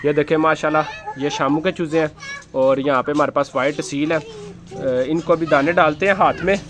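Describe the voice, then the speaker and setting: A man, filming his rooftop chickens on a handheld phone and gently guiding children as they feed the birds. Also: on the high side, steady tone, moderate pace. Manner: gentle, instructive, often coaxing the children. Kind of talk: casual narration while filming, talking to children. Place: outdoor rooftop with chicken coops. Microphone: handheld phone camera, first-person.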